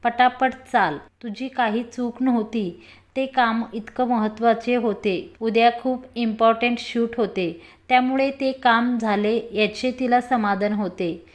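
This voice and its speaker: A woman narrating a story in a steady, even reading voice. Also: fairly high pitch, unhurried.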